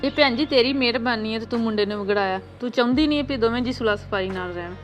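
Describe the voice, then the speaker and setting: Outspoken aunt, played by a woman, firm and lecturing, rapid delivery. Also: a little high, highs cut off, soft background music, lightly acted. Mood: stern. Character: wise outspoken aunt who lectures the family. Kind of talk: amateur family drama.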